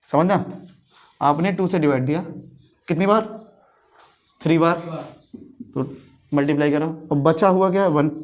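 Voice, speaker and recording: A man's voice: fairly high pitch, darkish tone. A man with a Hindi accent teaching a math class, who keeps quizzing his students with repeated questions. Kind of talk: classroom lecture.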